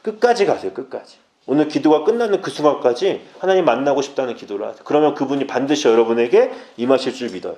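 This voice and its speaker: A man's voice: medium pitch, lively intonation, fast, mellow, roomy sound. A man preaching as a junior pastor, pleading with his listeners directly and mixing urgent exhortation with playful asides. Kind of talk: youth sermon. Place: church sanctuary.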